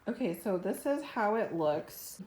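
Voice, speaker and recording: A young adult woman vlogging casually at home, chatty and bubbly with quick asides. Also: medium pitch, sing-song, darkish tone, a little hiss or hum. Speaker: wellness vlogger. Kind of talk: casual vlog chat. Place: home, indoors.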